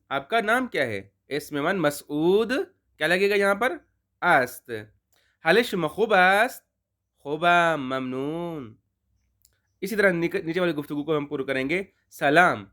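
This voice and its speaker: A man teaching a beginner language lesson from a textbook, slowly drilling phrases and repeating words for practice. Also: high-pitched, a bit bright.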